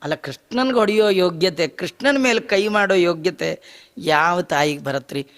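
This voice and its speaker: A man giving a devotional discourse, telling stories in a lively way, chanting verses and acting out dialogue. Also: high-pitched, normal speed. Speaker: religious discourse speaker. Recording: long hall reverb.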